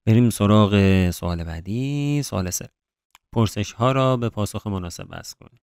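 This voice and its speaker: A man teaching an English workbook lesson, going step by step and reading the English sentences slowly. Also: on the low side, a little mellow, clean tone, dry recording, clean studio sound.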